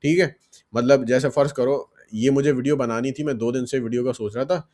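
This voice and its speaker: A man's voice: medium pitch, steady tone, a little fast, a little mellow. A young man from Pakistan, giving casual advice in a blunt manner, swearing and checking in with "right?" tags. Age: young adult. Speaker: vlogger. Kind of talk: casual advice vlog mixing Urdu and English.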